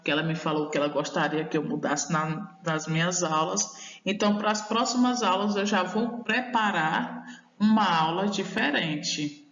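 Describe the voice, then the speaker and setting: A Brazilian Portuguese woman teacher speaks very slowly and deliberately, stretching each word out for young pupils. Her voice carries a long, echoing room reverb, and the sound is dull and muffled. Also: lowish voice, fairly bright tone. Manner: slow, deliberate, sounding out words one by one; affectionate toward young pupils. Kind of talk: recorded primary-school video lesson. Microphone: voice-over off camera.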